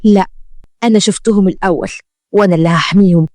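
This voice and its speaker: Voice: mid-range voice, quick pace, darkish tone, no echo, pitched above the performer's own voice, close to an everyday voice. A narrator voicing defiant Egyptian gravedigger woman. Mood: indignant. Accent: Egyptian Arabic. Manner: pleading and determined.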